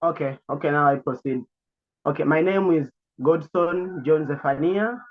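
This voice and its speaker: A young man, a student panelist giving a halting online webinar talk, searching for his words. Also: fairly high pitch. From Tanzania. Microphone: video call. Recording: tinny online call audio.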